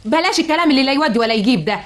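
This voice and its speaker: An actress playing a nagging, impatient young wife with an Egyptian accent. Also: female voice, sits high, lively intonation, racing. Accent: Egyptian Arabic.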